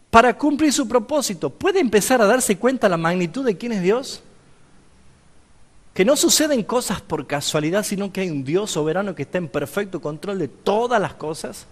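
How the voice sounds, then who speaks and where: A man's voice: high-pitched, in a large hall. A man with an Argentine accent, a pastor teaching a seminary class in sermon style, retelling Bible stories with acted-out dialogue and questions to his listeners. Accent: Argentine Spanish. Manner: storytelling, acting out dialogue, asks the audience questions.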